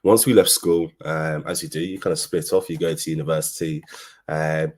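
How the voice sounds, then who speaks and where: Speaking at a moderate pace in a bass voice that's a little mellow with fairly even intonation, this London man explains things conversationally. He's an agency co-founder from London, England, with a London English accent, telling his own story in an informal business presentation.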